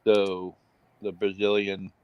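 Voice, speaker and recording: A man's voice: low voice, completely flat delivery, takes it slowly, darkish tone, clean tone. A man with a Boston accent in casual chat on a live stream, rambling with many restarts.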